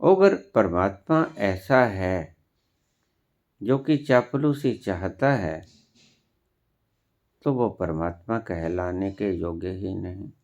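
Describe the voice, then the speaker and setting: Slow, emphatic male spiritual teacher. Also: low voice, lively intonation, darkish tone, muffled recording. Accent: Punjabi. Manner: slow, deliberate, with emphatic pauses and rising stresses. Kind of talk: sermon.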